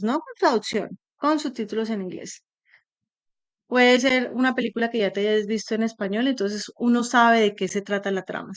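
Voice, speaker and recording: Chatty woman teaching on a video call. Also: a little high. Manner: animated, chatty, explains with examples. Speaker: English teacher. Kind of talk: casual online class advice. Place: online class.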